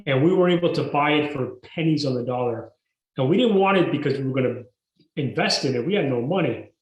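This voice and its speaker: A man's voice: medium pitch, expressive, a little fast, lo-fi sound. Man, roomy sound. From Mexico. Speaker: guest entrepreneur. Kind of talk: podcast interview. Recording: roomy echo.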